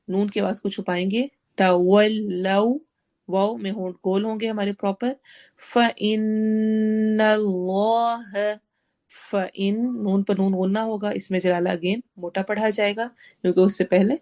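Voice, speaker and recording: A woman teaching Quran recitation, reciting each phrase slowly and then explaining each sound, with English words mixed into her teaching. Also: mid-range voice, a little mellow. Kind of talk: tafsir and tajweed lesson.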